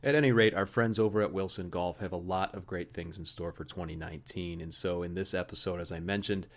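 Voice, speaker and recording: A man's voice: low-pitched, fairly even intonation, brisk. A man in his thirties from the American Midwest hosting a golf podcast, chatting casually with many fillers in an office huddle room. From Midwest of the United States. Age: 30s. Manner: chatty, frequent fillers and restarts. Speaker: podcast host. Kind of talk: casual interview and sponsor reads.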